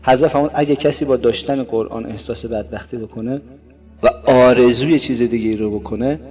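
Emphatic man preaching a sermon. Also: faint music behind. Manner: swings from loud emphatic rises to soft low asides; drawn-out Arabic quotations.

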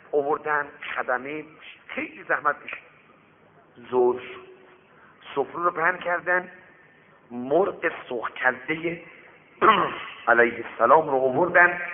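Brief: male preacher, fairly high voice, storytelling sermon, tinny radio with a long echo. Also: a little hiss or hum. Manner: lively, addresses listeners directly with warnings.

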